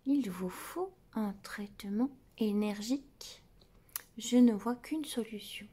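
A man's voice: sits high, takes it slowly, mellow, breathy edge, full character voice. Woman playing a breathless plump doctor, whispered role-play. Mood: hushed. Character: plump, jolly, greedy male doctor.

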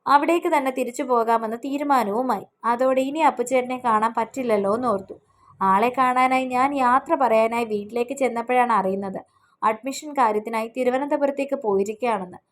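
Female storyteller with a higher-pitched voice, earnest, emotional first-person romance narration.

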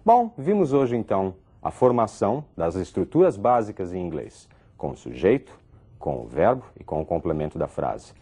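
A man from Brazil teaching an English lesson, reading English example lines aloud and explaining them slowly. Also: low voice, big pitch swings, dark tone, breathy edge. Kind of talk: recorded language lesson.

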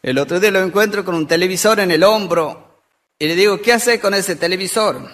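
A man telling quick jokes between songs on stage, acting out the characters and laughing at his own punchlines. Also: high voice, a bit bright. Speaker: folk comedian and singer. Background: music.

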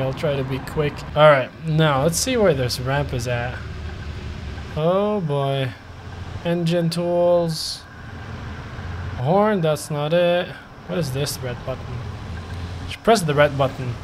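A man giving casual gameplay commentary, excitable and chatty with the characters in his game. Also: on the high side, background noise. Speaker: gaming YouTuber.

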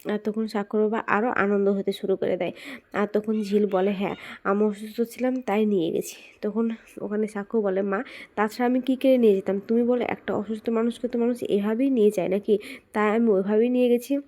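Mellow-voiced woman retelling a serial. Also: medium pitch, steady tone, a little fast. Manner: quotes each character in turn, switching between narration and dialogue. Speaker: serial recap narrator. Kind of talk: casual retelling of a TV serial episode.

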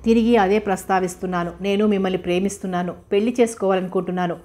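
A woman's voice: mid-range voice, steady tone, rapid-fire, mellow, lightly acted. A woman reading a teasing young suitor. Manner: teasing, persuasive. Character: playful scheming young man, suitor.

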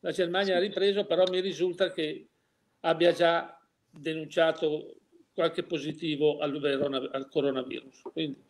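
A man's voice: a little high, fairly even intonation, normal speed. An older man giving an interview, opinionated and full of rhetorical questions, often restarting his sentences. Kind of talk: casual interview.

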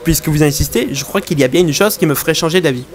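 A man reading aloud the lines of a mighty warrior who is wary of hurting his sparring partner, in a steady, measured way. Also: on the high side, natural voice. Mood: calm. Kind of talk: reading game dialogue aloud.

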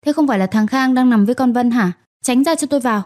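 A young wife full of fury and grief, as a woman narrator voices her. Her voice sits fairly high with a dark, mellow tone, in a dry storybook reading. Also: fast, dry recording, lightly acted. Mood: furious.

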